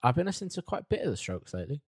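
A man's voice: a little high, very animated, very fast, darkish tone, slightly rough, no echo. A man co-hosting a music podcast, hesitant and rambling, with dry quips. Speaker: podcast co-host reviewing music. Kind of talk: casual chat.

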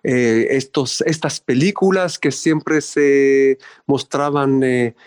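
A man's voice: medium pitch, slow, a little mellow, smooth, no echo, clean studio sound. A man in his fifties from Israel, a diplomat answering interview questions with many fillers and restarts. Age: 50s. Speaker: diplomat guest.

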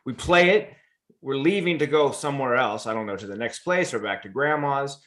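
Brief: young adult man, podcast co-host, animated casual anecdote, average pitch. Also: brisk. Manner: lively, animated storyteller. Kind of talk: casual storytelling.

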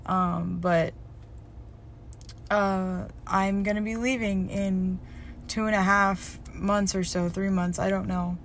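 Talking slowly in a level, mid-range voice, a young woman shares a reflective, emotional personal diary vlog. She rambles candidly, filling gaps with fillers and correcting herself often, and a little hiss or hum is audible.

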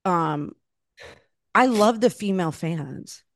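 A middle-aged woman from Florida talks with a podcast guest in a relaxed, chatty way. She reminisces easily and encourages the guest. Her voice sits close and dry, with no room sound around it. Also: on the low side, takes it slowly, no room sound. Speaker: podcast host. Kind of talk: casual interview chat.

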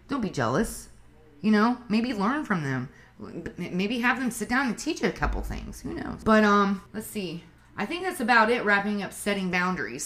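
A woman's voice: mid-range voice, fairly bright tone. Chatty woman hosting a relationship podcast. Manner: chatty, frank, peppered with swearing and asides. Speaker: podcast host. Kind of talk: casual advice podcast. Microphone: livestream on phone.

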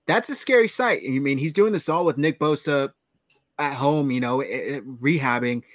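A man's voice: a little high, normal speed, a bit bright, dry recording. Male podcast co-host, dry close sound, enthusiastic with sarcastic asides. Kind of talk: casual sports chat.

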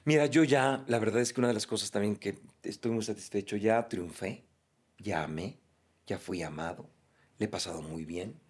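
A Mexican man speaking as an interview guest, blunt, profane and animated in candid conversation. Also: on the low side, moderate pace, husky.

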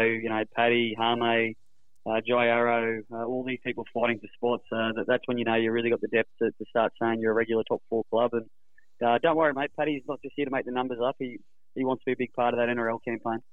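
An Australian man chats casually in a radio interview, rambling and matey. He speaks fast with little rise and fall in pitch. The line is dry and muffled, like a phone call. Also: dry recording. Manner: rambling, matey, repeats "you know". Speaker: rugby league club guest.

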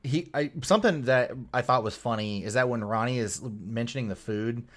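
A man's voice: mid-range voice, moderate pace. A man co-hosting a podcast, rambling in casual chat with lots of fillers and casual swearing. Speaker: podcast co-host.

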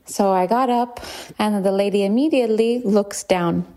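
A woman's voice: medium pitch, moderate pace, dark tone. A mother telling an amused story about answering the door. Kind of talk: recorded anecdote.

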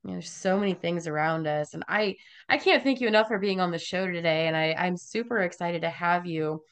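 A woman's voice: fairly low pitch, a little fast, clear, resonant tone. A woman hosting a podcast interview, chatty and emphatic as she tells stories and gives warnings. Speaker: podcast host.

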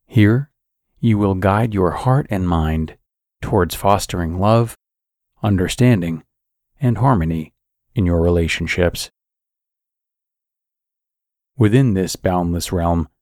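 A man narrating a scripted guided sleep meditation in a calm, soothing, measured sleep-story manner. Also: low-pitched, no room sound, studio quality.

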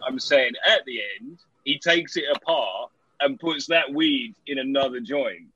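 A man's voice: medium pitch, measured pace, bright, forceful tone, slight background noise. A man talking casually in group banter. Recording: muffled lo-fi audio with group chatter.

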